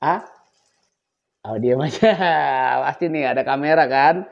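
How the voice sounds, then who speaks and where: A man's voice: medium pitch, measured pace, creaky, lo-fi sound. An older man, hosting a casual cooking vlog and playfully coaxing his grandchild as he talks. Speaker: vlog host.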